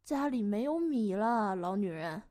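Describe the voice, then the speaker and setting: A woman voicing a weary young man who answers flatly. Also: medium pitch, a little slow, close to an everyday voice. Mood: deadpan.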